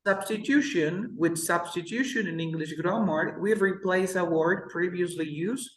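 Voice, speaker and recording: Man teaching English. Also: high voice. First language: Spanish. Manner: patient, explains pronunciation slowly. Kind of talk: online one-on-one lesson. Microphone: video call. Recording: roomy echo.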